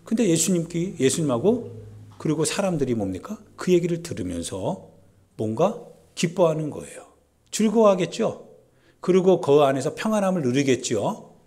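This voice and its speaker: A man pastor giving a Sunday sermon in a church service, talking conversationally and swinging from loud pleading to hushed asides. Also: fairly high pitch, sing-song, normal speed, slightly rough.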